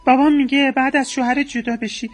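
A woman's voice: high-pitched, fairly even intonation, close to an everyday voice. A woman playing a whiny, clueless wife. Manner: whiny, naive complaining. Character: clueless, self-centered married woman patient. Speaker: patient at a counseling session. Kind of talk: comedy sketch acting.

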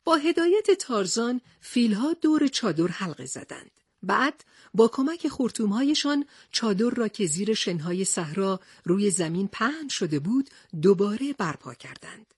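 A woman narrating a children's storybook in an expressive read-aloud manner. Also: on the high side, husky, no room sound, clean studio sound.

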